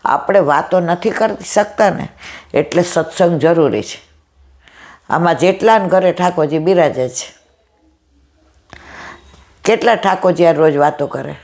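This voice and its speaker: A middle-aged woman with a loud, powerful voice, giving a devotional storytelling discourse and acting out the dialogue in her stories. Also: on the low side, measured pace, long pauses. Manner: retells stories with quoted dialogue. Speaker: satsang speaker.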